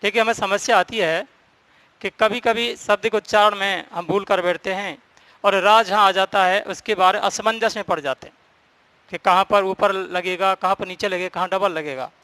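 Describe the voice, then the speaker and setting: Male teacher, high bright voice, dry close sound, step-by-step grammar explanation. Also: fairly even intonation, moderate pace, smooth, dry recording. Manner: explains step by step, repeats and stresses key points. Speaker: Hindi teacher. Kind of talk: classroom grammar lesson.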